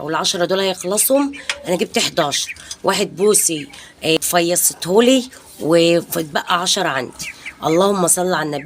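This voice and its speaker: A woman in her thirties, a mother and home vlogger with an Egyptian Arabic accent, chats casually with her followers from her home balcony. Her voice sits on the low side, with a little hiss or hum in the audio. She rambles from point to point, constantly slipping in pious blessings.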